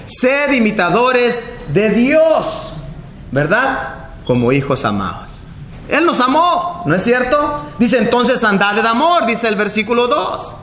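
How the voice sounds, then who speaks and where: A man preaching a sermon with impassioned delivery, often dropping low and quiet at the ends of phrases. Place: church hall. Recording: echoey church hall, faint background noise.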